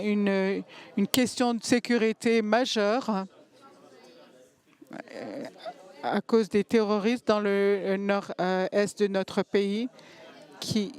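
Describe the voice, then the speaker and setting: A woman giving a simultaneous interpretation of a panel talk, halting and pausing to find words. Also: medium pitch, darkish tone, smooth.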